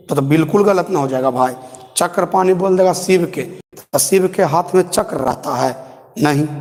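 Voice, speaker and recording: A male teacher giving an online grammar lesson, chanting phrases slowly for students to repeat and addressing them fondly. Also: high-pitched, darkish tone, long reverb tail. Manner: affectionate, addresses students as bauaa and babu.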